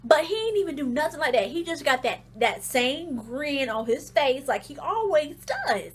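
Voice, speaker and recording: A woman giving a casual, slangy recap of a reality show, telling it as a lively story full of fillers. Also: sits high, moderate pace. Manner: animated storytelling, acts out the show's scenes in shrieky voices; loose slangy talk with fillers. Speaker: reality TV reviewer.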